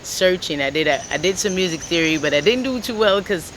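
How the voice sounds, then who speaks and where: A Jamaican singer and guitarist with a lowish voice speaks a little fast on poor audio marked by a little hiss or hum. As an interview guest, she rambles casually and relaxedly, peppering her talk with "like" and "you know."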